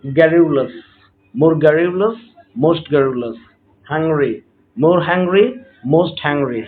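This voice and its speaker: A man teaches a grammar lesson at an unhurried pace, stretching each example word out carefully. His voice sits a little high. The sound is thin and phone-like. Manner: slow, patient, drawn-out word examples; repeats a set phrase after each point. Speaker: English teacher. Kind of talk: grammar lesson explaining notes.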